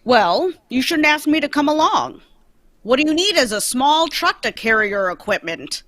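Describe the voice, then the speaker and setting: A woman playing Dick Tracy, a brisk male police detective, in a 1940s-style radio drama read. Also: high-pitched, sing-song, a bit bright, dry recording, studio quality, exaggerated voice. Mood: matter-of-fact.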